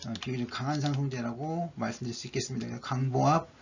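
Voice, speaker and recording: A man's voice: mid-range voice, quick pace, creaky, slight background noise. A man narrating a stock chart analysis, going methodically through each indicator one by one, on a dull lo-fi recording.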